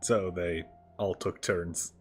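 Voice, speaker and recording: Male streamer, very low voice; quick joking commentary over game music. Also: steady tone. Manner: joking, mocking asides.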